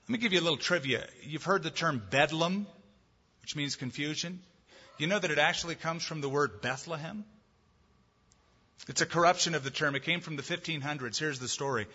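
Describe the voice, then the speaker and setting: A man's voice: fairly high pitch, fairly quick, sharp tone, slightly rough, big-room sound, muffled recording. A male pastor preaching emphatically, asking the congregation questions and ending in prayer. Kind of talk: sermon and closing prayer.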